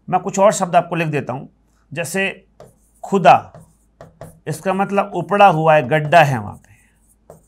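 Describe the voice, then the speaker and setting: A man teaching grammar at a board, explaining patiently, repeating words slowly and asking the class for yes or no. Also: on the high side. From India.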